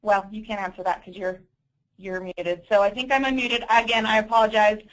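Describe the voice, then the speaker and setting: A woman's voice: medium pitch, flat delivery, brisk, poor audio. A woman presenting a business training webinar in an informal, self-correcting way, heard over a conference call. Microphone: conference call audio.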